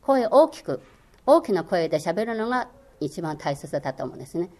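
A woman's voice: deep voice, lively intonation, quick pace, darkish tone. An older woman whose first language is Chinese, a former radio language lecturer, answering interview questions in an earnest, encouraging way with many hesitant fillers.

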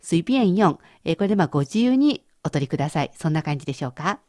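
A woman teacher explains vocabulary on a radio language lesson, patient and careful as she breaks each word down. Her voice sits a little low but swings widely in pitch. The studio sound is close and dry. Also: sing-song, fast talker, warm tone, dry recording.

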